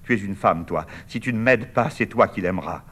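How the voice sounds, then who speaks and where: A man's voice: on the low side, fairly quick, fairly bright tone. A man reading a play aloud, voicing a fragile young woman who is tearful, lovesick and pleading.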